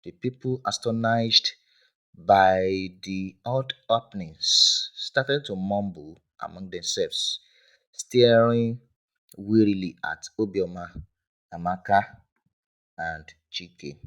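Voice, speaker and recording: Slow, low-voiced male storyteller. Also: low-quality recording. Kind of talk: dramatic story narration. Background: loud background music.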